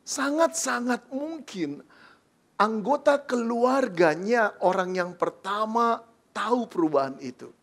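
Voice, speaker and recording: A man's voice: high-pitched, expressive, measured pace, fairly bright tone. A male pastor preaching a sermon with dramatic storytelling and rhetorical questions to the congregation.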